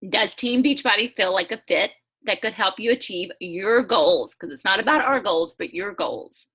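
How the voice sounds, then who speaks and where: An upbeat woman talks through a casual online presentation, chatty and quick to laugh. Her pitch sits in the middle range, and she is heard through a video-call mic. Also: expressive, fairly bright tone, husky. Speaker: host.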